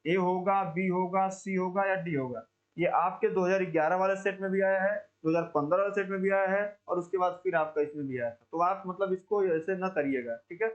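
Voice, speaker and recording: A man teaching an exam coaching lesson, quizzing students and slowly repeating words to drill pronunciation, chatty and calling listeners brother. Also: high voice, lo-fi sound. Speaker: Hindi teacher.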